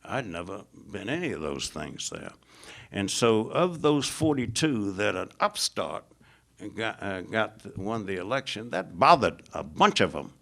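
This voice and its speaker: An American man gives a public lecture on foreign policy, speaking emphatically and building lists with rising pitch, often saying "uh." His gravelly, slightly bright voice swings widely in pitch at a somewhat slow pace.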